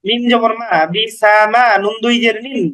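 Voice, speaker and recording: High-voiced man drilling letters slowly. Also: little pitch movement, fairly bright tone, poor audio. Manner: patient, syllable-by-syllable drilling with brief explanations. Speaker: Quran reading teacher. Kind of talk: spelling out letters and vowel marks for beginners.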